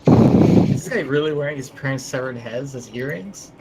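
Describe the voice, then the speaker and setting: A man's voice: medium pitch, moderate pace, loud music behind the voice, poor audio. A man playing a video game with friends on a stream, reading the game's text aloud and laughing between lines. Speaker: gamer. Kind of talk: casual game stream chat.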